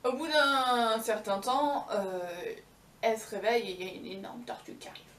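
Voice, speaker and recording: A woman's voice: fairly high pitch, normal speed, fairly bright tone, echoey room, recorded from a distance. A young woman casually retelling a fairy tale with slangy, ironic asides and many fillers. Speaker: storyteller.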